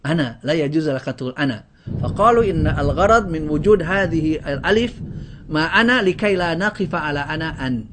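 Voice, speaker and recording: A man's voice: a little high, animated, quick pace, noisy background. A man teaching a grammar lesson to a class, drilling word lists and quizzing students with questions. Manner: often breaks off and restarts words.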